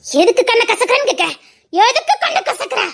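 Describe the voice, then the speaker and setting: A woman playing a very high-voiced bitter abandoned wife. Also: sing-song, fairly quick, vocal fry, fairly bright tone, full character voice. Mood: urging. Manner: emphatic, lecturing, repeats her warnings. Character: bitter abandoned middle-aged wife, forceful adviser. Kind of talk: Tamil serial drama acting.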